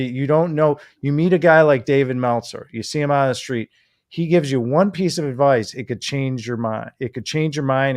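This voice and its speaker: A man's voice: mid-range voice, no room sound, studio quality. A man hosting an interview, reflecting earnestly and repeating phrases for emphasis. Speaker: host. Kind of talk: interview conversation.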